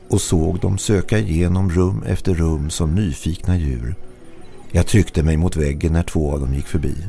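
A man reads a scripted horror story in an extremely low, gravelly voice. His tone is dark and mellow, and he keeps it hushed and suspenseful. Faint music plays under the narration.

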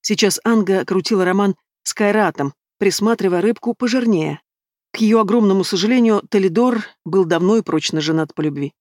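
A woman reads a fantasy novel aloud in the first person with an even, storytelling delivery. Her voice has a middling pitch and sits close to the mic in a dry, dead room. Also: fairly quick, no echo. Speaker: audiobook narrator.

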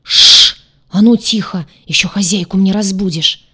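A devoted male demon familiar from a fantasy storybook, grumbling and hissing as he guards his mistress, as a woman narrator puts him on. The voice sits a little low and stays close to the reader's own. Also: normal speed, lightly acted.

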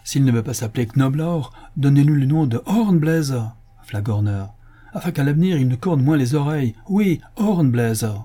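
Give me a man doing a theatrical, mocking official, loud and swaggering. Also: medium pitch, lively intonation, a little slow, husky. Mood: scornful. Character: pompous, mocking official, quick-tempered man.

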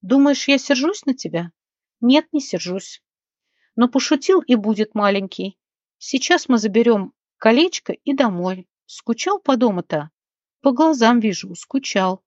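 A young female fairy who wheedles and begs, as a woman reading a storybook puts her on. Her voice sits high and tight. The recording is dry and slightly dull. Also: lively intonation, measured pace, no echo. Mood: mock-sweet. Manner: wheedling, pleading. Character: young disgraced female fairy, sly then pleading.

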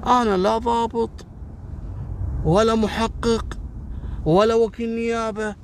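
A man playing a sly, calming man. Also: very high-pitched, unhurried, slight background noise, pitched above the performer's own voice. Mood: soothing. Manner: soothing, hushing, matter-of-fact. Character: calm, sly younger man soothing someone.

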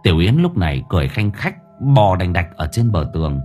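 A man narrating a horror audiobook with expressive, dramatic storytelling. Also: deep voice, fairly quick, faint music behind. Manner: expressive storytelling with vivid sound words.

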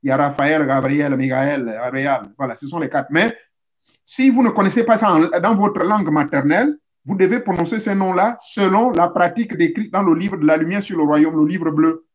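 High-voiced man teaching a spiritual rite. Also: normal speed. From Central Africa. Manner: didactic, addresses listeners directly, repeats steps. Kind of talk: instructional talk.

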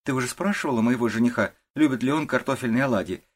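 A man with a husky voice voicing a cheerful, gentle young woman in an audiobook, light and teasing. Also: medium pitch, quick pace, pitched above the performer's own voice, close to an everyday voice. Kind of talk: audiobook character voice.

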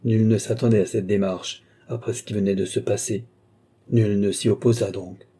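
A man reading a classic novel aloud as an audiobook narrator, lifting his pitch to voice the characters' dialogue. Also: fairly even intonation, normal speed, mellow, husky. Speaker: audiobook reader.

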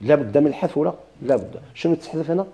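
A man with a Moroccan Arabic accent teaching a grammar lesson, quizzing students with quick questions and answers. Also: on the high side, expressive, dark tone. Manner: chants verse slowly.

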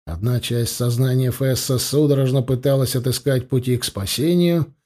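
Male narrator, fantasy audiobook, mellow dark tone, measured, dramatic. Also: medium pitch, steady tone.

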